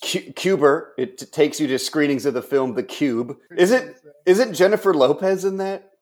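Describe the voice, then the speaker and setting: A man on a comedy podcast panel, goofy and quick to laugh at his own jokes. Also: fairly high pitch, a little mellow. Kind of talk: casual comedy podcast banter.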